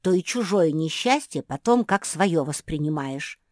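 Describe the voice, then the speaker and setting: A woman's voice: sits low, expressive, unhurried, darkish tone, dry recording, studio quality. A woman voicing an earnest, literal-minded female dog who was once a stray.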